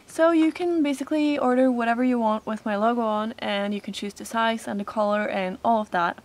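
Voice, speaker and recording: Young woman chatting into her camera at the barn, slightly high voice, lots of ums. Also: a little fast. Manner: chatty, with many fillers. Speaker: horse vlogger. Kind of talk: casual vlog chat. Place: horse barn, indoors and out. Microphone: handheld camera.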